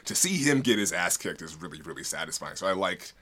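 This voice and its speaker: Low, bright-voiced man chatting casually. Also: big pitch swings, fast talker, breathy edge. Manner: rambling, peppered with "like". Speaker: podcast co-host. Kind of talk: casual film discussion.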